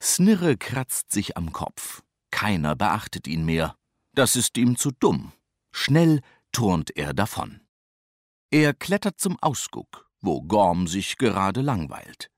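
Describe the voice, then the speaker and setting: A middle-aged man narrating a children's storybook in a lively, expressive, unhurried manner. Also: fairly low pitch, no room sound, clean studio sound.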